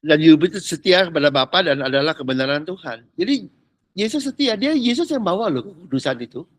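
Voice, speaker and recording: A man's voice: fairly high pitch, fairly quick, no room sound. A man preaching a sermon as a pastor, talking in a casual, jokey way and dropping in English words. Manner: animated, jokey Jakarta slang mixed with English.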